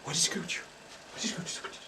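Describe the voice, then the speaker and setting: A man playing a hammy spoof psychic medium who speaks in halting, dramatic whispers and gasps in a comic mock documentary. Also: sits high, sing-song, distant mic. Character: hammy male stage psychic, breathy and theatrical.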